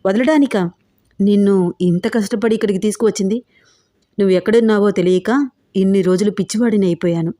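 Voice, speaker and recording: A woman voicing a possessive, menacing male gangster who talks in a smooth, wheedling way. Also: medium pitch, a little fast, dark tone, lightly acted. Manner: smooth, wheedling then threatening.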